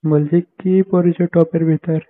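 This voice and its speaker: A man's voice: on the high side, flat delivery, measured pace. A man in a casual, private chat over the telephone, in a tinny call recording.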